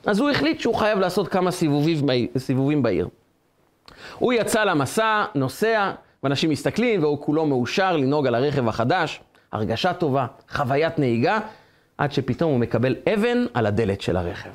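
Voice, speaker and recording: A man's voice: fairly high pitch, very animated. A man, a rabbi giving a Torah lesson, who tells stories with animation and asks rhetorical questions.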